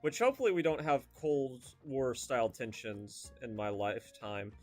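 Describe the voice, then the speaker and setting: A man's voice: mid-range voice, normal speed, darkish tone, faint music behind. A young man streaming a video game, chatting casually and rambling off into tangents with lots of fillers. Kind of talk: casual gameplay commentary.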